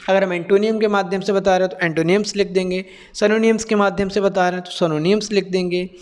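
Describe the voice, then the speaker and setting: A man from India, a teacher educator, explaining a lesson plan methodically, step by step, often checking in with his listeners. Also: high voice.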